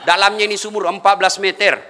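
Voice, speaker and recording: A man's voice: high-pitched, fast talker. A man preaching a humorous sermon, chuckling and speaking directly to his congregation. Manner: animated, chuckling, addresses the audience directly. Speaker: Islamic preacher. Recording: reverberant hall, faint background noise.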